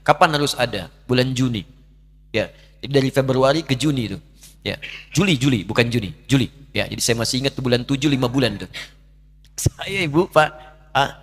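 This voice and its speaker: A man's voice: mid-range voice, husky. A middle-aged man preaching a sermon, telling an emotional story with a voice that rises and swells. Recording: long hall reverb.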